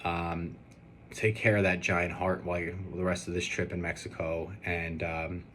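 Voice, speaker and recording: Steady background noise accompanies a young man's personal video message, where he answers questions as the groom-to-be in a rambling, hesitant, earnest manner. His voice is low, his pace moderate.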